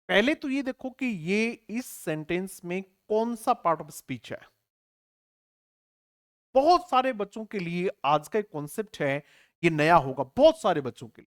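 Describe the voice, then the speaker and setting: A man teaching an online exam-prep English lesson, who asks rhetorical questions, answers them himself and spells words out letter by letter. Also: sits high. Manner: addresses students familiarly, checking understanding.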